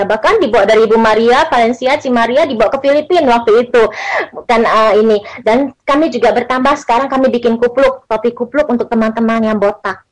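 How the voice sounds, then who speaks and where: A woman's voice: a little high, dry recording, low-quality recording. A middle-aged woman earnestly telling a personal story as an interview guest, often addressing the interviewer directly.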